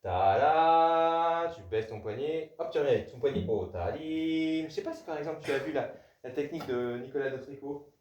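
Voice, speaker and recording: A man's voice: medium pitch, fast talker. A man teaching a cello master class, correcting a student often and singing out the bow rhythms. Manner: animated, corrects often with repeated "non", sings bow rhythms. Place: rehearsal hall with cello playing. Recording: roomy, distant, dull sound with loud cello.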